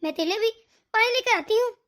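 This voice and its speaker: Woman voicing a fussing mother-in-law, very high voice. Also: animated, fast, fairly bright tone. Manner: fussing, coaxing. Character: middle-aged mother-in-law, fussing and soothing. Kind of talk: cartoon voice acting.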